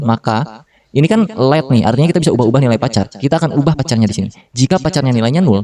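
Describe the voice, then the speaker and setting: With a mellow mid-range voice recorded from afar, a male programming tutor in his 30s walks through code casually. He talks in slangy Jakarta style, leaning on fillers and often correcting himself partway through a sentence.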